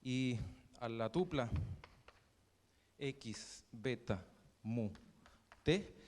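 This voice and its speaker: A young man with a Chilean Spanish accent teaches a math class in a middling-pitched, darkish voice. He halts often on fillers and restarts his sentences. The long reverb of a lecture hall fills the recording.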